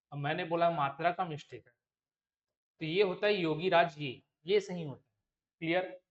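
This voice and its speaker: Man teaching Hindi spelling, high voice. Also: a bit bright, dull audio. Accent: Chhattisgarhi Hindi. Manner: explains step by step, asks rhetorical check questions. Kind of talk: exam-prep lesson.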